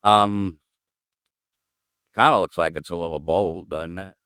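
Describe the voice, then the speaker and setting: A programmer streaming his coding work thinks aloud in a casual session, muttering, humming and trailing off as he goes. His low voice is a little slow and fairly even in intonation, with a clear, resonant, slightly bright tone. The studio sound is clean, with no room sound.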